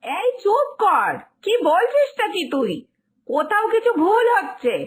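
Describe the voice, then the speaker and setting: A woman voicing a stern middle-aged mother-in-law who scolds slowly in a lowered voice, for a cartoon story. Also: big pitch swings, exaggerated voice. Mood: explaining.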